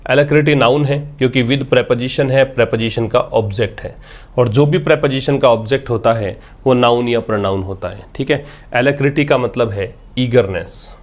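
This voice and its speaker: A man teaching English vocabulary, patiently explaining words and repeating them, asking questions and answering them himself. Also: medium pitch. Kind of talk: vocabulary lesson explaining a newspaper article.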